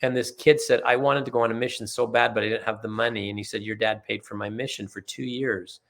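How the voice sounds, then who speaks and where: A man's voice: lowish voice, steady tone, fast, creaky, a bit bright. A man from Utah, a podcast guest, telling earnest, rambling family anecdotes in a casual chat, acting out quotes as he goes. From Utah, USA. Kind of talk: casual storytelling in conversation.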